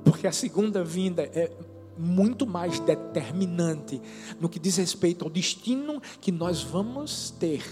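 Male pastor, high voice, emotive storytelling sermon; long hall reverb, music beneath. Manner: emotive storytelling preacher, swings between soft and loud. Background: musical instrument playing.

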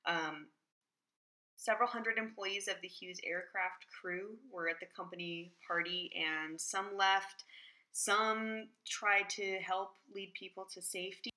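A woman co-hosting a podcast, relaxed as she recounts the details of a case in casual chat. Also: medium pitch, unhurried. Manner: relaxed storyteller, reads out search results. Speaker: podcast co-host.

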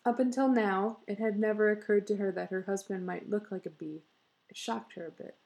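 A woman with a gravelly, fry-touched voice reads a short story aloud. Her pitch sits in the middle range. She keeps a steady reading pace and laughs now and then. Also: a little fast, slight background noise. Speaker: reader.

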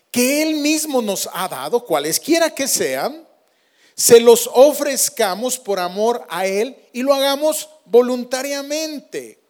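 A man preaches a sermon in a high voice. He drives some lines loud and emphatic, then drops to hushed, slow words for weight. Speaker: pastor.

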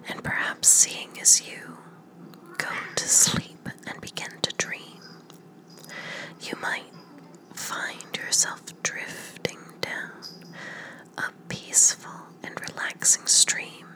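Slow whispering woman lulling to sleep. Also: rough recording. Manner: soft whisper, slow hypnotic repetition of words. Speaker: podcaster. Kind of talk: whispered bedtime story for sleep.

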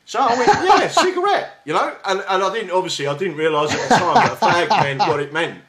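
Over a noisy crowd, a high-pitched, animated man talks briskly while hosting a radio show from a studio, using a studio mic and big headphones. He's from England with a South London accent, and his casual interview chat is hesitant, with many restarts.

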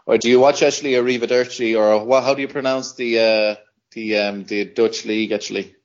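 A man hosting a podcast, putting questions in a brisk, joking way. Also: medium pitch, fairly even intonation. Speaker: podcast host. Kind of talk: casual podcast interviewing. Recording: dull lo-fi podcast audio.

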